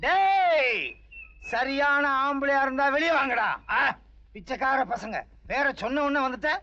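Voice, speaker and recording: Brash slum hothead, high ringing voice, dull old film sound under music. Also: male voice, moderate pace. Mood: furious. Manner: loud, taunting, righteous scolding. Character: brash loud slum man, fiery defender. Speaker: slum man named Munusamy.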